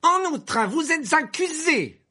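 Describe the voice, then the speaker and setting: A man's voice: very high-pitched, big pitch swings, slow pace, bright, forceful tone, voice pushed up, full character voice. A man voicing a stern older male judge who declaims his sentences with cold fury in an audiobook reading. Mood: thundering. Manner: thundering, declaiming. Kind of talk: audiobook character voice.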